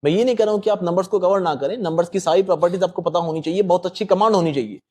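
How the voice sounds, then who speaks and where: A man's voice: high voice, very fast, darkish tone, slightly rough. A man explaining maths exam strategy patiently, politely addressing the host as sir. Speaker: quant teacher. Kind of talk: explanatory panel talk.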